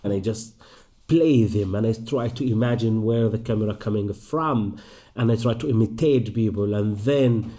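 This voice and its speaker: A young Palestinian man with an Arabic accent, an actor speaking thoughtfully in an interview, with some halting restarts. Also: on the low side, mellow. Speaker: actor and performer. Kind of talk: interview conversation.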